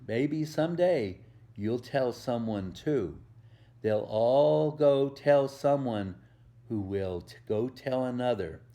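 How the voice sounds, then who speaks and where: A volunteer storyteller, male and medium-pitched, reads a picture book aloud for young children, using simple words to gently explain things and ask the listener questions.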